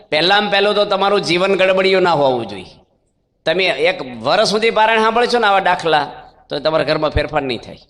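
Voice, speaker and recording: Male preacher, higher-pitched voice, storytelling sermon, long hall echo. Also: a bit bright. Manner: storytelling with rhetorical questions and quoted dialogue. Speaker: swami giving a religious discourse.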